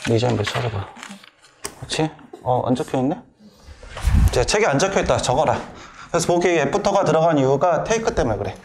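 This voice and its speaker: Speaking in a mid-range, very animated voice, a middle-aged male English instructor delivers a grammar lesson, shooting quick questions at students before answering them himself. Slight background noise can be heard.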